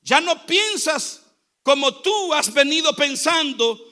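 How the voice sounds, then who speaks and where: A man's voice: extremely high pitch, animated, slow pace, pushed and bright. A male pastor preaching a sermon in a repetitive, exhorting cadence, with a Central American Spanish accent.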